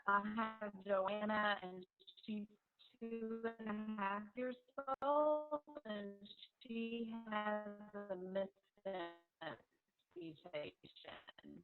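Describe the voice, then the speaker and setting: A woman from Alabama introducing herself on a call, halting and soft-spoken. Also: mid-range voice. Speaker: parent on a call. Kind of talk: casual introduction. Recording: tinny call line with music behind.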